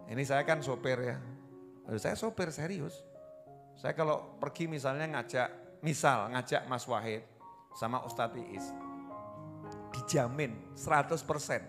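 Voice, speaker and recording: A man preaching a humorous sermon to a live gathering, animated and rising to loud emphatic peaks. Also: mid-range voice, a little slow, pauses often, music in the background. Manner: animated, rises to loud emphatic peaks, playful asides to audience.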